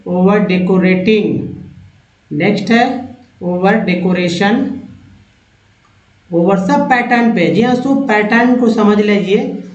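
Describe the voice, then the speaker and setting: A man from India teaching English words in a slow lesson, repeating each word and spelling out letters. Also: high voice. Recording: echoey lo-fi room.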